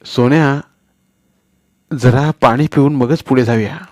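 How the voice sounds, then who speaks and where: A man's voice: mid-range voice, fairly even intonation, takes it slowly, dry recording, pitched above the performer's own voice, natural voice. A man voicing a thirsty village boy who pleads with his friends. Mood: pleading.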